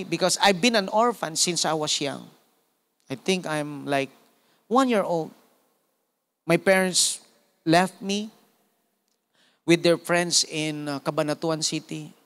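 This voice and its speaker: A Filipino-accented male pastor in his forties preaches with lively energy, punctuating his points with amen and praise God. His voice sits a little higher than most men's. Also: slow pace, long pauses. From Philippines. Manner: animated preaching with frequent call-outs of amen and praise God. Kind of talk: sermon.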